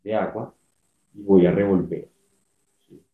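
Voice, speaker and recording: Colombian man, art teacher, low-pitched, patient step-by-step delivery, phone-quality sound in an echoey room. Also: fairly even intonation, unhurried. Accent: Colombian Spanish. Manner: patient, step-by-step, checks in often. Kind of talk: prerecorded online art class.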